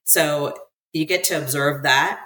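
Unhurried yet forceful, an American woman with a deep, bright voice talks informally as an interview guest. She uses plenty of fillers and laughs easily throughout the casual conversation.

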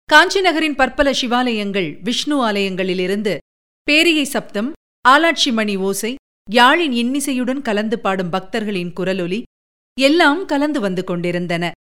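A woman reading a historical novel aloud as a radio storyteller, in a measured, expressive way. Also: a little high.

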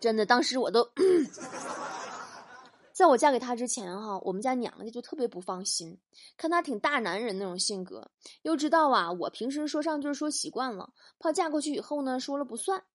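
Lively woman host with a bright, swooping delivery who tells comic stories and laughs at her own jokes. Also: fairly high pitch, normal speed. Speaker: comedy talk show host. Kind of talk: comic storytelling monologue.

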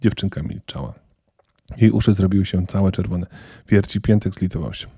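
A man calmly reading a children's story aloud as narrator. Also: sits low, moderate pace, creaky, husky, dry recording, studio quality. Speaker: audiobook narrator.

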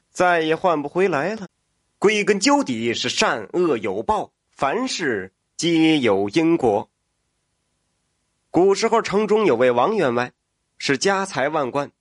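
A man narrating a folk tale as host, with lively, chatty asides to the listener. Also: on the high side, no echo, clean studio sound. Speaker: storyteller.

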